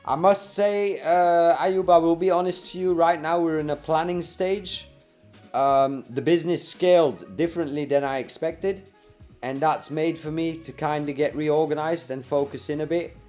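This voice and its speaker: A young man with a fairly high voice hosts a live coding stream, answering viewers by name in an easygoing, chatty manner. Faint music plays behind him. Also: normal speed, a little mellow. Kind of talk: casual live-stream chat reading viewer comments.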